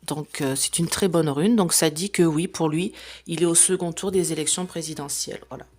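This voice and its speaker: A woman's voice: low voice, normal speed, darkish tone. A woman chatting casually to camera as she lays out runes and cards for a reading, explaining each step with plenty of fillers. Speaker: psychic reader.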